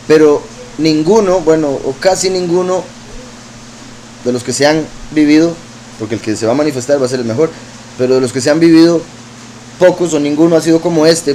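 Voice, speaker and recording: Man teaching scripture, fairly high voice. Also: a little mellow, a little hiss or hum, rough recording. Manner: reads verses aloud then explains them, with frequent asides. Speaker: preacher.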